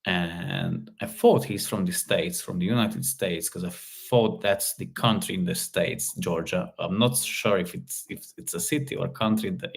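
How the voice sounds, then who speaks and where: This live stream host, a Slovak man whose native tongue is Hungarian and who tinkers with cars for fun, chats loosely while responding to viewers. His voice is deep and slightly rough, with vocal fry. Delivery is stop-start, full of repeated words, restarts, and fillers.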